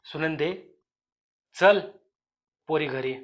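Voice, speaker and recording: A gentle, sorrowful old village grandmother consoles in a soft, hushed, lower voice, as a male storyteller puts her on. She is a character in an audio story, patient and kind. Her voice drops low and quiet. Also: a little slow.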